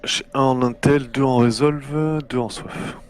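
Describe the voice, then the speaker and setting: A man's voice: mid-range voice, fairly even intonation, unhurried, a little hiss or hum. A man playing a tabletop game, hesitant and thinking aloud. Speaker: player. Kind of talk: tabletop role-play.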